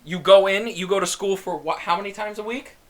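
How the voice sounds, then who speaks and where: Bright-voiced young man hosting a podcast. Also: sits high, brisk. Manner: laughs often, swears casually. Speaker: podcast host. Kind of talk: casual podcast chat.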